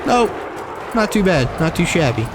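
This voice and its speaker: Here the streamer's voice is high and very animated, moving at a moderate pace over background noise. The young man chatters without stopping through his shooter gameplay, rambling and correcting himself, his throat a little froggy.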